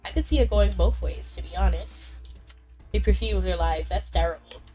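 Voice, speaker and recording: A young woman streams a game and chats casually with viewers, bubbly and talkative with quick bursts of excitement. Her voice is low and husky, a little congested from being sick, with faint game music in the background.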